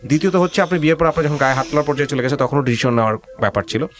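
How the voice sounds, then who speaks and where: A male radio host with a Bangladeshi accent races through advice to a guest on a life-story show, his voice on the high side with fairly even intonation. He is insistent and questioning, and drops English phrases into his speech.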